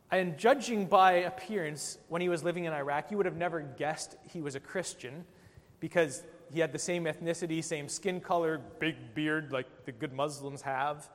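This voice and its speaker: A man, a pastor, delivering a sermon with an emphatic, rising and falling delivery. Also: a little high. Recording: long hall reverb.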